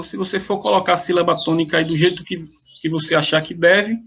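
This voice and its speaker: Man teacher, slightly high gravelly voice, talks through a grammar lesson, faint hiss behind. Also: a bit bright. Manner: plain explaining with frequent restarts.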